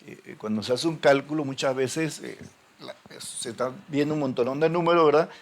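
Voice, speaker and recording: A man teaching a programming class, explaining step by step with many pauses and frequent checks that students follow. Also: medium pitch. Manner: hesitant, many fillers and restarts, checks in with "¿ven?". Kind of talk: recorded classroom lecture.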